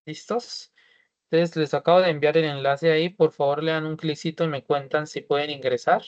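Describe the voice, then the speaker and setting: A man's voice: on the high side, steady tone, brisk, clean tone, lo-fi sound. A male teacher from Colombia walking students through a form in an online class, repeating each step and checking that everyone is ready.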